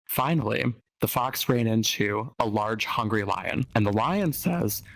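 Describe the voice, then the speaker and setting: A man's voice: lowish voice, animated, a little slow, gravelly, a bit bright, no room sound, low-quality recording. A man hosting a comedy show, telling a silly story in a goofy, mock-dramatic way. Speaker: host. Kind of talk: joking storytelling.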